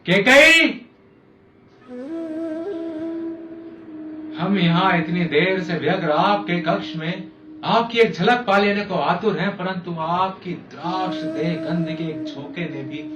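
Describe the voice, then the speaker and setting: A man playing a lovesick, anguished emperor in a Ramayana stage monologue, declaiming grandly to his sulking queen and swinging between hushed and loud delivery. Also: sits high, slight background noise. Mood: impassioned calling. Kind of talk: theatrical Hindi stage monologue from a Ramayana play. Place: theatre stage, with music behind the voice. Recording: echoey theatre hall, distant mic.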